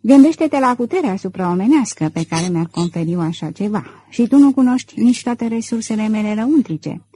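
Woman voicing a suave gentleman thief. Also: medium pitch, slightly rough, no room sound, low-quality recording. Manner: self-assured, cool and controlled. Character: suave middle-aged male gentleman thief. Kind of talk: audiobook character reading.

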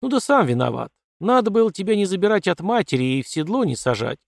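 A man doing a gruff, grumbling old colonel. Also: high voice, big pitch swings, fast, no echo, studio quality, voice pushed up, heavily acted. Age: older. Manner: growling, grumbling. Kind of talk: audiobook character voice.

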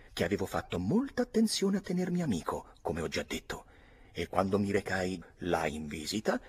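Deep, breathy man reading a novel. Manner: hushed, dropping into whispers. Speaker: audiobook reader. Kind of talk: literary reading, first-person narration.

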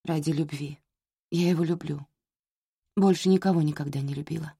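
A woman's voice: sits low, steady tone, normal speed, gravelly, warm tone, breathy edge, no echo, clean studio sound, full character voice. A woman voicing a lovesick woman who defends her feelings in a defiant, pleading way. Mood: stubborn.

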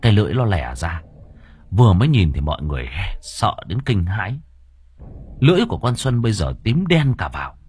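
Brief: male audiobook narrator, deep and husky, lively swings in pitch. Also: a little fast. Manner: expressive storytelling. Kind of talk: scripted story narration.

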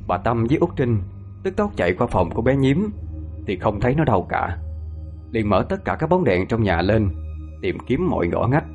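Brief: male storyteller, Southern Vietnamese, slow and suspenseful, lively pitch, faint music bed. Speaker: narrator. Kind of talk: horror story narration.

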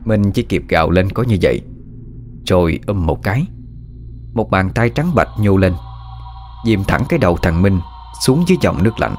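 A man narrating a scripted ghost story with a dramatic, hushed suspense. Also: low voice, expressive, normal speed, long pauses. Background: faint music.

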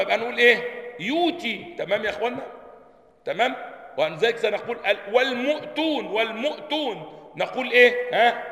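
Egyptian sheikh, male, sharp tense tone, drills pronunciation and quizzes students, roomy reverberant space. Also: high voice. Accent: Egyptian Arabic. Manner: quizzes listeners with repeated questions, drills pronunciation aloud. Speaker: sheikh teaching Quran sciences. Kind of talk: religious lesson explaining a text. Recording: long hall reverb, roomy.

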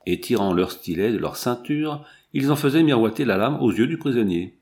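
A man reading a novel aloud in a measured, dramatic narration. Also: medium pitch, animated, a little mellow. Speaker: audiobook reader. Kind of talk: scripted narration.

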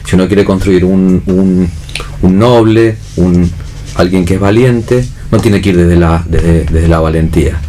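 Speaking at a measured pace, this Argentine panel guest, a theatre director and actor, thinks out loud in unscripted conversation. He gropes for words and leans on tag questions, his low voice warm in tone.

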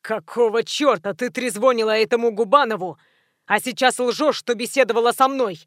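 A woman reading the part of an indignant middle-aged male boss who yells and shrieks. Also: normal speed, no echo, studio quality, natural voice. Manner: yelling, shrill outbursts.

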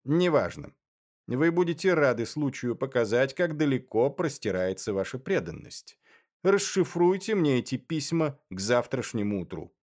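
A man's voice: medium pitch, sing-song, moderate pace, darkish tone, voice pushed up. A man voicing a brusque older male official who speaks curtly and demandingly, as an audiobook character. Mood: cold. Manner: curt and demanding.

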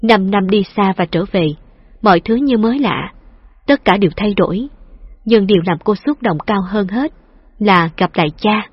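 A woman reading an audiobook novel in a calm, even narration. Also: medium pitch, moderate pace, slightly rough, no room sound. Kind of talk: storybook narration. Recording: dull lo-fi dry recording.

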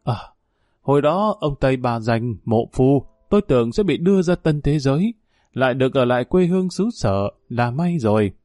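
A man's voice: mid-range voice, animated, normal speed, dark tone, no room sound, clean studio sound, lightly acted. A man voicing a poor old countrywoman who speaks wistfully and kindly. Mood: tender. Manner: exclaiming, then wistful.

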